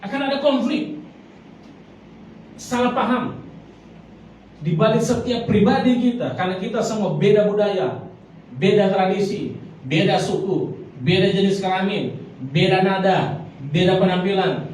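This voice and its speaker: High-voiced preacher in a booming hall. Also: male voice, lively intonation, a little slow, pauses often, darkish tone. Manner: emphatic, repeatedly addresses the congregation as brothers and sisters. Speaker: pastor. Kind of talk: sermon. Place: large church hall. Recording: very echoey hall, mic far off, faint noise.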